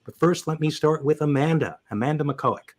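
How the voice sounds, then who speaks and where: A man's voice: on the high side, fairly quick. Upbeat man hosting a webcast. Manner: upbeat, joking. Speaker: podcast host.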